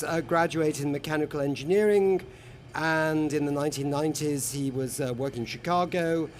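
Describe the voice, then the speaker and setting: A jovial man hosting a live panel broadcast, introducing guests with chatty asides. His voice sits a little higher than most men's. Faint ambient noise hums behind him. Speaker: host. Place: lives in Berlin.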